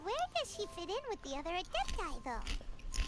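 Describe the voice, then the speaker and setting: A woman's voice: very high voice, very animated, moderate pace, over loud music. A woman voicing a small chirpy female companion creature who talks about herself in the third person, in game cutscene dialogue. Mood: musing. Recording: game audio with loud background noise.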